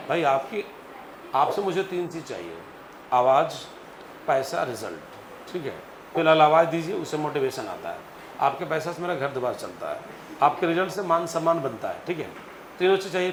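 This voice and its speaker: A man teaching physics in a lively classroom lecture, calling on students to answer aloud and acting out stories. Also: on the high side. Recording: echoey classroom with faint noise.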